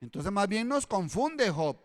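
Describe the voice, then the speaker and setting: A Costa Rican man preaching a sermon as pastor in a church, swinging from loud pleading to hushed asides. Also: sits high, sing-song, a little slow. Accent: Costa Rican Spanish. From Costa Rica. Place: church hall. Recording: long church-hall reverb.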